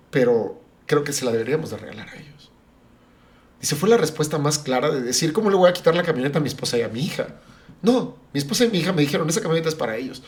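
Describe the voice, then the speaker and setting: A middle-aged man, a pastor and podcast guest, telling a personal story and acting out what others said. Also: medium pitch. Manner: animated, acts out the dialogue of family and friends.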